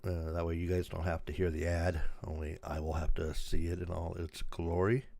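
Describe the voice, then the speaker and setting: Raspy older man with a gravelly low voice. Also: little pitch movement, normal speed, mellow, no echo, studio quality. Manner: rambling, easygoing, laughs at himself. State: raspy from a sore throat. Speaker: channel host. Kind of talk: casual livestream chat.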